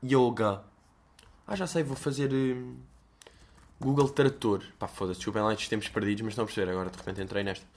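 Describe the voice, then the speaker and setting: A man's voice: lowish voice, steady tone, brisk. A young man with a European Portuguese accent, hosting a casual solo podcast in a rambling, self-mocking way with plenty of swearing. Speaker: podcast host.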